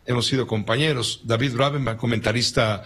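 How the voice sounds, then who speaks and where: Husky Mexican radio anchor, chatty. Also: male voice, mid-range voice, steady tone, fairly quick, a bit bright. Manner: chatty, joking, digressive. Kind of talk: casual on-air chat, reading listener messages.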